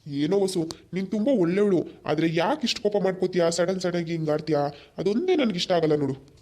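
A man playing an easygoing husband who keeps telling his angry wife to calm down, in an amateur village family drama. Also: sits high, fast talker. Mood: placating. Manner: soothing, placating.

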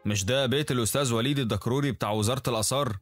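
A man voicing a courteous, mysterious engineer in his fifties with an Egyptian Arabic accent, calm and knowing. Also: medium pitch, very fast, faint music behind, voice pushed up, close to an everyday voice. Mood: polite. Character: smiling middle-aged male engineer, polite and mysterious.

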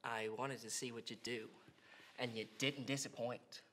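Man playing a sharp, taunting Joker. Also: mid-range voice, flat delivery, a little hiss or hum, lightly acted. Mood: taunting, cold. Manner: theatrical, taunting, drawn-out phrasing. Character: taunting, unhinged male criminal mastermind clown. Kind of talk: film drama monologue acting.

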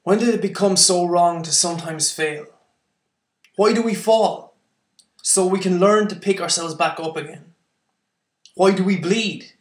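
Young guy doing intense spoken word, kinda high voice, echoey room. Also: unhurried, long pauses. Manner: intense, building to impassioned outbursts.

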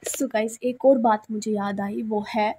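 Soft-spoken young woman vlogger, unwell. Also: mid-range voice, fairly even intonation, a little slow, a little hiss or hum. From Punjab, India. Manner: soft, subdued talk, she speaks quietly. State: unwell, in pain, short of sleep. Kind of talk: casual vlog chat.

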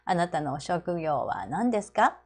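A woman with a Japanese accent teaching English travel phrases to seniors, modelling each phrase very slowly. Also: lowish voice, very animated, breathy edge.

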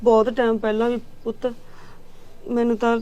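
A woman's voice: fairly high pitch, little pitch movement, moderate pace, dark tone, muffled recording, lightly acted. An actress playing a fearful, tearful mother in a Punjabi village drama, speaking plaintively with a Punjabi accent. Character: worried, tearful middle-aged village mother.

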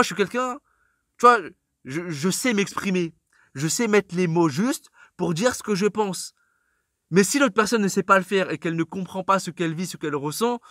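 A man's voice: fairly high pitch, fairly bright tone. Slangy young man rambling. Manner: slangy, rambling, addresses the listener as "tu". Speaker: vlogger. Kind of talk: casual monologue to camera.

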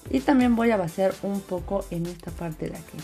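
A woman of average pitch narrates a hands-on craft tutorial step by step. She talks casually and doubles up words for emphasis. Soft music runs behind her voice. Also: normal speed. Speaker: host of a slime craft channel. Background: background music.

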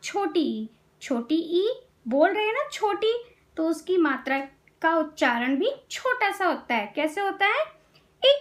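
Young woman teacher drilling kids on reading, high voice, super slow, asks then answers herself. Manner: slow, sing-song drilling with repeated questions and answers. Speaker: children's teacher. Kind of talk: teaching children to read.

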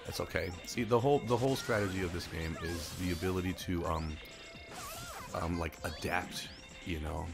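Over background music, a young Japanese-speaking man talks in a low, creaky voice at a moderate pace. As host of a gaming channel, he offers loose, chatty commentary on a puzzle game, rambling along and often making fun of himself.

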